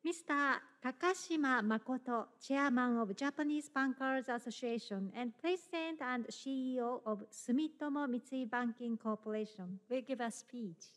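High-voiced woman announcer in a hall. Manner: slow, deliberate. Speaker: event announcer. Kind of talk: formal announcement. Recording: long reverb, distant from mic.

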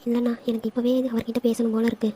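A lovestruck young woman in a cartoon, voiced by a woman, emotional and playful with her brother. Her voice is slightly high with a mellow, warm tone and a fairly even melody. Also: very fast, slight background noise, close to an everyday voice. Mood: pleading. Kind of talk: cartoon dialogue acting.

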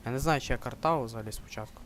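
A man's voice: mid-range voice, very fast, a bit bright, a little hiss or hum. A young man with a Ukrainian accent giving joking commentary while playing a horror game, yelping when startled. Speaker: let's play gamer.

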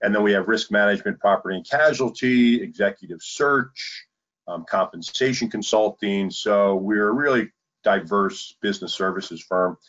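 A man in his fifties, a podcast guest in a home office, explaining his firm in a measured, businesslike way over a video call. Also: on the low side, a bit bright. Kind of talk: casual chat. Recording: dull lo-fi video call audio.

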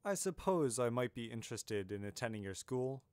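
A man's voice: mid-range voice, big pitch swings, moderate pace, darkish tone, clear, resonant tone, dry recording, natural voice. A man voicing a cagey young male adventurer who talks politely and offhandedly.

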